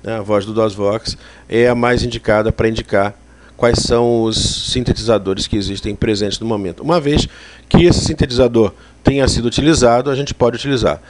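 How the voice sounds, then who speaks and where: A man with a Brazilian accent giving a spoken software tutorial in a conversational, explanatory way. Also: medium pitch, fairly even intonation, fairly quick, background noise. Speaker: software instructor.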